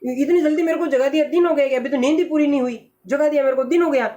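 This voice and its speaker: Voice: normal speed, close to an everyday voice. A teacher voicing a sleepy, grumpy crow who has been woken too early, in a voiced reading of a children's play. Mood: grumpy, groggy. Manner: high, fussy, complaining, repeats questions.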